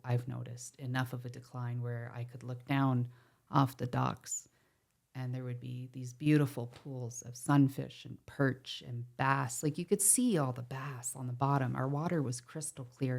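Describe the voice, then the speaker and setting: A woman's voice: rumbling low, creaky, darkish tone. A woman from Ontario, a podcast guest talking earnestly and passionately about protecting water, with wry asides. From Ontario, Canada. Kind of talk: podcast conversation. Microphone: podcast mic.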